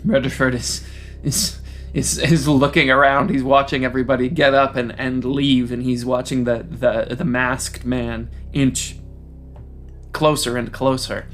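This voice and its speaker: A man's voice: mid-range voice, level tone, a bit bright. A man narrates an improvised story for a podcast in an ordinary mid-range voice. He stalls and repeats words as he makes it up, over faint background music. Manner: halting, repeats words, laughs into lines.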